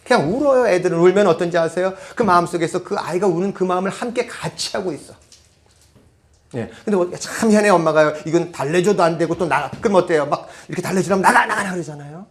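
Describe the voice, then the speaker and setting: Man lecturing with a raised pitch. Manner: asks the audience rhetorical questions; switches to half-banmal, conversational asides. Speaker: parenting lecturer. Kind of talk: public lecture to an audience.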